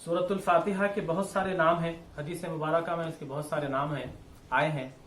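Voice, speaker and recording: Man, religious teacher; patient repetitive explainer, fairly high pitch, roomy echo. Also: steady tone, normal speed, a bit bright, slight background noise. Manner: explains step by step, repeats and rephrases. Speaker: Quran teacher. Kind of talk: religious lesson. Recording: echoey room with faint ambience.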